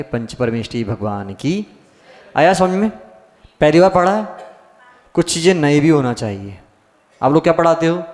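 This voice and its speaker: A man, a monk teaching a scripture class, who explains step by step and keeps asking the class questions. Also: on the high side. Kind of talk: scripture lesson. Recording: long hall reverb.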